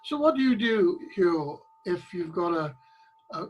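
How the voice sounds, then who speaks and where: Man, high husky voice, interviewer, stammers and repeats words. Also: lively intonation, a little slow, poor audio. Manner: stammering, repeats words while forming questions. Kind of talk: unscripted interview questions.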